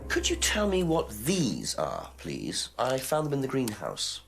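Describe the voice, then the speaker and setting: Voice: medium pitch, huge pitch swings, a little slow, vocal fry, exaggerated voice. An actor playing a polite, inquisitive detective questioning villagers in a video game. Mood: politely probing. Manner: polite, probing. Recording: loud music behind the voice.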